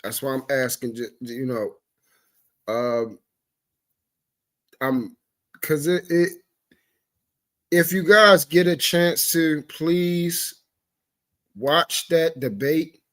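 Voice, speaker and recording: A man's voice: a little high, slow pace, pauses often, fairly bright tone. A man on a livestream talk show, ranting in a heated, profane way, stammering through restarts and breaking off to apologize again and again. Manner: stammering restarts when upset. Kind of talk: impassioned livestream commentary.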